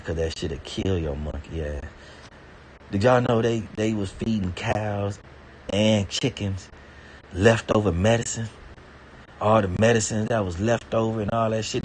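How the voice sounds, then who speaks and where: A man's voice: a little slow, darkish tone, a little hiss or hum. A man ranting casually to camera, swearing a lot, stammering and repeating himself, his voice jumping up when he gets indignant. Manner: rambling, swears heavily, stammers and repeats words; indignant, pitch jumps high when worked up. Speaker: vlogger. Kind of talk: casual profane rant.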